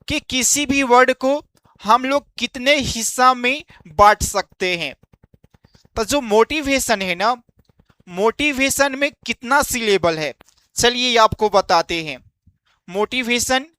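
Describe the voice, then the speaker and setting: A male exam-coaching teacher who talks slowly and deliberately. His voice is bright and crisp, and it sounds dry and close. He explains step by step, throwing out quiz-style questions and answering them himself. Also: extremely high pitch, no echo. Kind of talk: exam-prep lesson.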